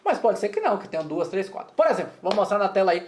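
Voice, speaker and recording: A woman's voice: mid-range voice, very animated, very fast, darkish tone, slight background noise. A woman with a Brazilian Portuguese accent teaching Mandarin in a lesson, explaining in a chatty way and often checking in with her students. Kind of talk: co-taught language lesson.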